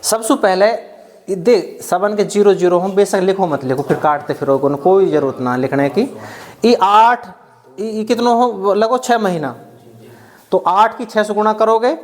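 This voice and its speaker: A high-pitched man teaches math for an exam-prep class. He walks through the sums out loud, one step at a time, repeating himself. He keeps stopping to ask whether his students have followed. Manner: repetitive, checks understanding often; counts out calculations aloud step by step.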